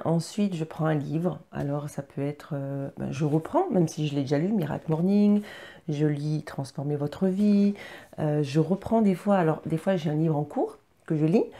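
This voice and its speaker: A woman speaks in a low, very dark and mellow voice. She talks to her viewers in an earnest, encouraging way. She often pauses on fillers and starts her sentences over. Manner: hesitant, many fillers and restarts. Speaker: vlogger sharing personal routines. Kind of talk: casual personal vlog.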